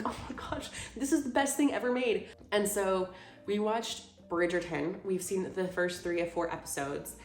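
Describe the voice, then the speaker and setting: A woman, chatting casually about her favorite things of the month, gushing and full of fillers. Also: on the low side. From Houston, Texas. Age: 20s. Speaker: vlogger. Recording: roomy sound with faint music.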